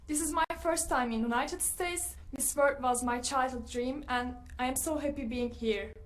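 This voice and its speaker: Woman aged 19, friendly contestant intro, high voice. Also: moderate pace. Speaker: pageant contestant. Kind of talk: scripted self-introduction.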